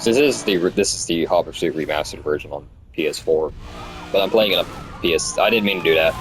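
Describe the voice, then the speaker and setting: A young man with a low-pitched voice talks casually as he plays a game. He sounds like a stoner, rambling and losing his thread, and he drops swear words freely. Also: a little fast, music in the background, low-quality recording. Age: young adult. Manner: stoned, rambling and easily sidetracked. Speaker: gamer recording commentary. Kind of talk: casual gameplay commentary.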